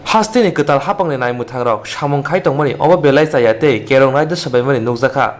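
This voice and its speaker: A man anchoring a news bulletin, reading the report in a steady, even way. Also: mid-range voice, brisk, a little hiss or hum.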